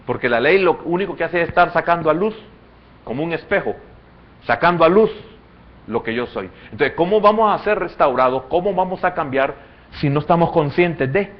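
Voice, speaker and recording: Male pastor, Salvadoran accent, sermon, quiet reasoning swelling into fervor, muffled lo-fi sound. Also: animated, normal speed. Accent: Salvadoran Spanish. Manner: swings between quiet, low reasoning and loud, high fervent passages.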